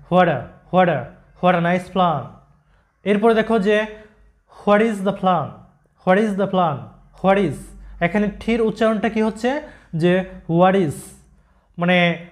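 A man explains English sounds in a lesson. His voice sits high, and he repeats each example phrase slowly, several times over. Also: a little mellow. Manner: slow, repetitive drilling of example words. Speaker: English pronunciation teacher.

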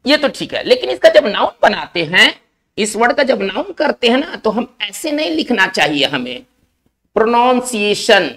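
With a very high, slightly bright voice that swings widely in pitch, a man teaches English spelling and meanings in a recorded lesson. He explains step by step, slowly and in Hindi, often pausing on "isn't it?" to confirm students follow.

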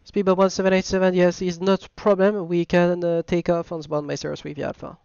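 A man's voice: high voice, little pitch movement, fast talker, vocal fry, darkish tone, clean tone, dry recording, lo-fi sound. A man with a French accent, French his first language, making hesitant English radio calls and cockpit callouts over a pilot headset as a flight simulator pilot.

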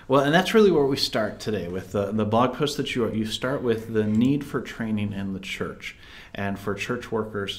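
On a video call, a man in his thirties hosts an interview, asking his questions in a friendly, relaxed manner. His fairly low voice comes through an earbud headset.

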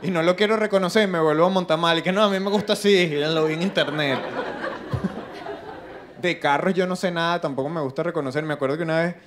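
A young man with a Venezuelan accent doing a stand-up comedy routine, animated and acting out other people's voices. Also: a little high, slight background noise. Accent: Venezuelan Spanish. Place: live comedy stage with audience.

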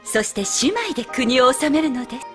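A woman's voice: sits high, music in the background, close to an everyday voice. Princess Celestia, woman voicing a serene regal cartoon alicorn. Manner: stately, measured, formal.

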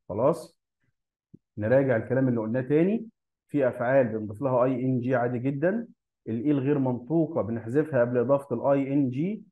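A man with an Egyptian Arabic accent teaching an English grammar lesson, explaining step by step and slowing down to spell out example words. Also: medium pitch, narrow, tinny audio.

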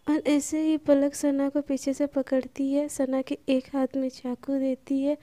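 A woman's voice: sits high, level tone, unhurried, warm tone, dry recording. A woman narrating a romance story in a chatty, casual storytelling manner, dropping in English words.

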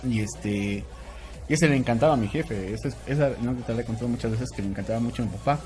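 A Mexican man hosting a casual podcast, telling stories in an animated way, laughing often and swearing freely. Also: mid-range voice, fast talker, faint music behind. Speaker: podcast host. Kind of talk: casual storytelling chat.

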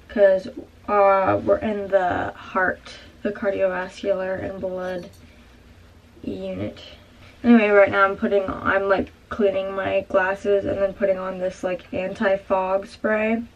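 This muffled recording captures a young woman vlogging from her small apartment, talking casually to camera through a stuffy nose with plenty of fillers. Her medium-pitched voice stays level and moves a little slowly.

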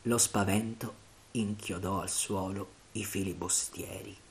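A man narrating a classic adventure novel for an audiobook in a measured, dramatic storytelling manner. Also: low voice, steady tone, vocal fry, a little hiss or hum. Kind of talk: scripted narration.

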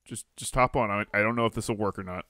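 A young man in casual gaming banter, excitable and teasing, coaching a teammate through the game. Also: on the low side, fast, no room sound. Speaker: gaming video regular.

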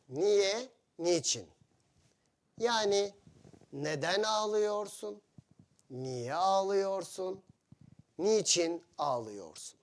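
A male teacher speaks very slowly, one short phrase at a time, with a lively voice that rises and falls widely. He sits fairly high for a man and repeats each example patiently for foreign learners. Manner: slow, simple phrasing with many repetitions and questions to learners. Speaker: Turkish teacher. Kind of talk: language lesson for foreign learners.

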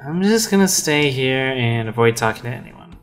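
A man reading game dialogue aloud for a grumpy, sarcastic young witch woman, in a dry, flat manner, with faint game music behind. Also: mid-range voice, normal speed, natural voice.

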